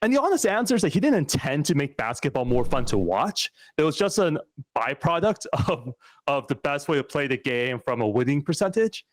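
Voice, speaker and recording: A man's voice: on the high side, very animated, fairly quick, dry recording. A man from the United States, a guest on an interview podcast, talking candidly and thoughtfully with plenty of fillers and restarts. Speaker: podcast guest, startup founder. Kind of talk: casual conversational interview.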